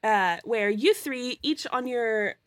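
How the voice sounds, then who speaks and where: A woman's voice: on the high side, lively intonation, takes it slowly, a bit bright, dry recording. A playful, giggly woman improvising narration as game master of a tabletop role-playing game.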